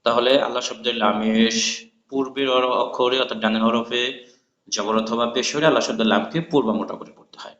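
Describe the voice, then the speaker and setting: A man's voice: mid-range voice, steady tone, fairly bright tone, a little hiss or hum. Man teaching Quran recitation, echoey lo-fi. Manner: explains patiently, spells letters aloud, then chants words slowly. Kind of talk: spoken lesson with chanted examples. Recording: echoey, dull lo-fi room recording.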